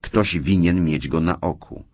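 A man narrating an audiobook in a measured, expressive first-person storytelling style. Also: low-pitched, no room sound. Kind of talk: scripted narration.

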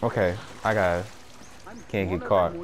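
A man giving casual commentary over a video game, cursing and reacting excitedly, talking into a headset. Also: low voice, measured pace. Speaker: gamer.

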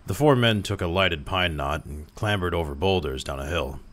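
Low-voiced man reading a story. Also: expressive, normal speed, a bit bright. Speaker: story reader. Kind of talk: storybook narration.

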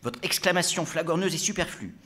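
A man doing a pompous, high-voiced brigadier. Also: lively intonation, brisk, sharp tone. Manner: pompous, stilted officialese. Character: pompous self-important male gendarme brigadier.

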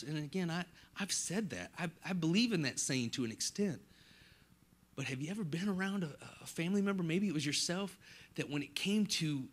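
Passionate preacher man, rather high voice. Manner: impassioned preaching that swings from hushed to loud; self-deprecating asides. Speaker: guest pastor. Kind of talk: sermon. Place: church sanctuary.

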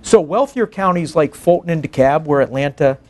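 A forties-aged public defense advocate guest-lectures a faculty colloquium with questions in an indoor meeting room. His slightly high voice has lively intonation at normal speed, and he delivers earnest, emphatic points capped with "right?".

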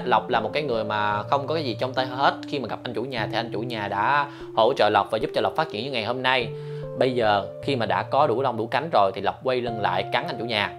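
A man hosting a commentary vlog, speaking to viewers directly, with many hesitation fillers and referring to himself by name in the third person. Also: medium pitch. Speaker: lawyer and channel host.

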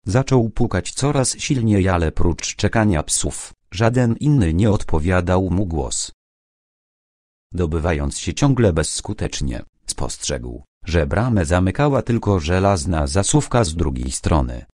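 A man reading an old novel aloud as an audiobook narrator, in steady, measured scripted narration. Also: sits low, no room sound, studio quality.

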